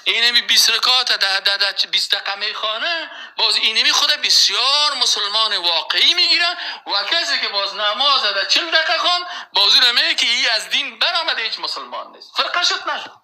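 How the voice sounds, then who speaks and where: A man giving a religious lecture as a preacher, slowly reciting verses and then rising into emphatic, insistent points. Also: very high voice, animated, pushed and bright, poor audio.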